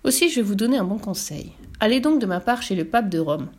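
A woman's voice: medium pitch, animated, quick pace, darkish tone, lightly acted. A woman voicing a scatterbrained, fussy male wizard who mixes up his potions. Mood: flustered.

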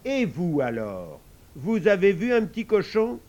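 A man's voice: sits high, huge pitch swings, measured pace, darkish tone, lo-fi sound, pitched above the performer's own voice, heavily acted. A man reading a storybook and voicing a hot-tempered, scolding father who runs a bar. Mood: angry. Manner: exasperated, scolding.

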